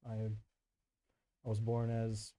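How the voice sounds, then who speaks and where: A man's voice: on the low side, monotone, slow, warm tone. Guy playing a tabletop rpg, chatting casually, takes his time talking. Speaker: player in a tabletop game.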